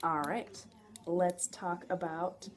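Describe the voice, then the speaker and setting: A woman's voice: fairly low pitch, level tone, slow. A young adult woman giving a casual, enthusiastic product review to camera in an informal way. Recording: noticeable background noise, home camera audio.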